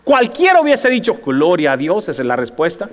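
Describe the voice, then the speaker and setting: A male pastor preaching a sermon in lively, conversational Spanish, often asking the congregation if they follow him. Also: high-pitched, brisk, in a large hall. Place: church sanctuary.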